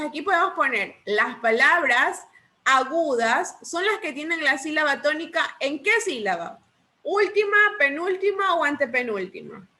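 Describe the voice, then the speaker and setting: A woman teacher leading a remedial class, patiently quizzing students with repeated questions and dictating rules slowly. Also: high voice, sharp tone. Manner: slow deliberate dictation of rules.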